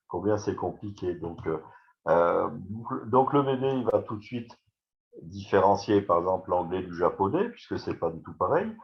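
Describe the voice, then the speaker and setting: On a lo-fi recording, a neurologist chats his way through an informal webinar talk, addressing listeners directly and often restarting sentences amid many fillers. His voice is on the low side.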